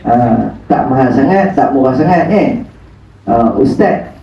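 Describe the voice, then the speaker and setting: A man's voice: mid-range voice, expressive, a little slow, dark tone. A man giving a joking religious lecture with teasing rhetorical questions in a mosque prayer hall, recorded on a phone from a distance. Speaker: religious preacher. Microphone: phone camera at a distance. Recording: echoey hall from far off, dull phone audio.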